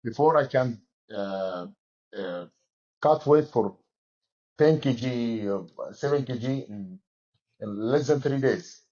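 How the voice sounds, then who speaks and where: An Egyptian fighter and coach in his forties answers interview questions in halting English, often restarting, from a gym locker room. His voice is medium-pitched with a dark tone, and the recording sounds muffled.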